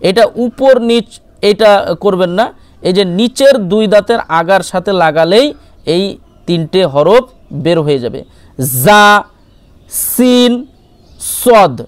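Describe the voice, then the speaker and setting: A man's voice: sits high, normal speed, darkish tone, clear, resonant tone, no echo. A man teaching Quran pronunciation, patiently repeating each letter sound several times.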